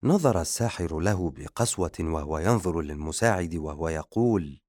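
A man narrating an audiobook in a steady, measured reading. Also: low voice, no room sound, studio quality. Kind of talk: scripted narration.

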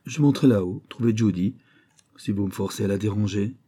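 A man voicing a proud young society woman, speaking in a crisp, disdainful and impatient way. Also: on the low side, a little fast, warm tone. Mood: cool disdain.

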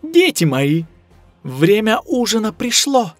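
A cold, sneering ancient duchess who drawls every word and gloats over her victims, as a male narrator puts her on. The voice is lifted well above his own and swings widely. The recording is dry, with soft music underneath. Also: fairly high pitch, very animated, takes it slowly, dry recording, voice pushed up, full character voice. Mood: gloating. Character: cruel, bored ancient female duchess monster.

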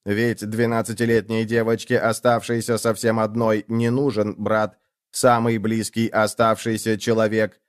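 A man's voice: lowish voice, flat delivery, unhurried, clean tone, no room sound, studio quality, lightly acted. A man voicing a sneering male ship computer that needles and mocks a young man in a cold, sarcastic way. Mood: mocking.

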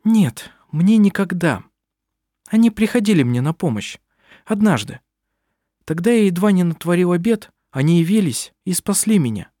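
A man reading aloud, voicing a proud, sharp-tongued middle-aged witch who is a mother, with dry, cutting remarks. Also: sits high, lively intonation, normal speed, no room sound, voice pushed up. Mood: wry.

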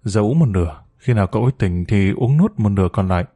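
Male narrator doing a courteous gentleman, brisk and polite, mellow low tone, storybook role. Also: animated, husky. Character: polite, courteous young man of a household.

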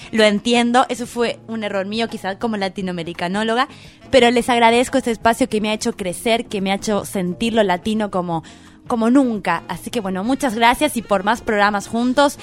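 High-voiced woman with a playful radio column. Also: a little fast. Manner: playful, impassioned campaigning tone. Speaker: radio co-host with a comedic column. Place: radio studio.

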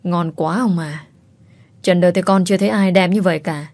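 A woman's voice: fairly low pitch, steady tone, fairly quick, a little mellow, lightly acted. Woman doing a whimpering male servant. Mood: pleading. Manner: pleading, whimpering. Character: frightened whining male servant.

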